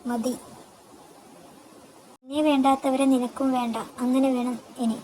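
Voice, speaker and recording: A woman voicing a caring elder sister figure who consoles gently but firmly. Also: sits high, level tone, takes it slowly, a little hiss or hum, poor audio. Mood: consoling. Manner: soothing yet firm.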